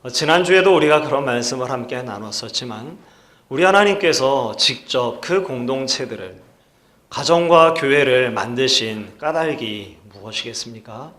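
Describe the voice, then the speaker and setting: A male pastor preaching a sermon in a measured, earnest way, putting rhetorical questions to the congregation. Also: medium pitch, expressive, fairly bright tone. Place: church sanctuary. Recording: echoey church hall.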